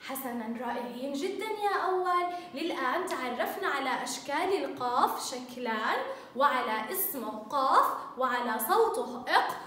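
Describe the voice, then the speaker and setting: A woman's voice: high-pitched, expressive, bright, forceful tone, heavy reverb. Lady teacher cheering on little kids, sing-songy, kinda distant mic with faint hiss. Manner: encouraging, sing-song praise and drawn-out letter sounds. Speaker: first-grade Arabic teacher. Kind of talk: recorded online lesson for young children.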